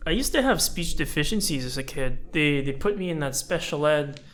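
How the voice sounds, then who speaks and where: With slight background noise behind him, a young French-native animator and YouTuber in his twenties chats about his channel's history, thoughtful yet self-mocking. His expressive voice leans high, fairly bright, and keeps a moderate pace.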